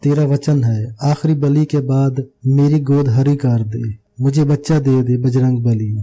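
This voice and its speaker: A man's voice: mid-range voice, fairly even intonation, unhurried, dark tone, slight background noise, close to an everyday voice. A man voicing a desperate sorceress praying. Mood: fervent. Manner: fervent, pleading prayer.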